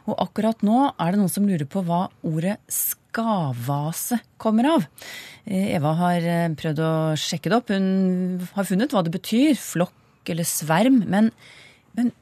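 A woman hosting a radio program, reading listener questions aloud in a clear, even manner. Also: medium pitch, dry recording.

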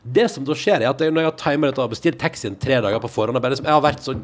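Man, casual podcast storytelling, lively, mid-pitched voice. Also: slight background noise. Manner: animated anecdote-telling, acts out quoted voices. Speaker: podcast host.

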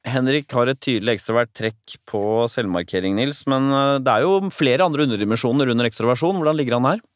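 A man's voice: medium pitch, dry recording, clean studio sound. A man co-hosting a casual talk show, recalling anecdotes and putting questions to his co-host. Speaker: podcast co-host. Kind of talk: casual chat, presenting test results.

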